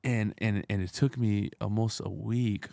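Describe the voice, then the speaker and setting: A man's voice: fairly low pitch, steady tone, a little slow, gravelly, mellow, dry recording, studio quality. A man in his thirties, an entrepreneur guest, telling blunt, profane stories in streetwise slang. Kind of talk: casual storytelling.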